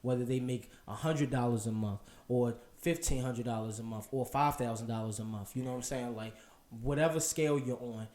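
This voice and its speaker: A man's voice: mid-range voice, brisk, roomy sound. A man co-hosting a casual podcast, talking earnestly in long rambling turns. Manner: earnest, rambling, many restarts, trails off quietly. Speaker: co-host.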